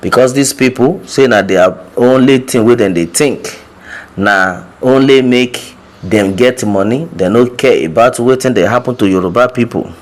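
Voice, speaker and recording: A Nigerian man with a mid-range voice speaks at a moderate pace, delivering informal news commentary. He repeats points for emphasis, talks straight to his listeners, and uses hesitation sounds.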